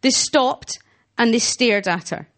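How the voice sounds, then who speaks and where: A woman's voice: fairly high pitch, slow, a bit bright. A Scottish woman performing a self-mocking stand-up comedy set, laughing at her own punchlines. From Scotland. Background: audience laughter.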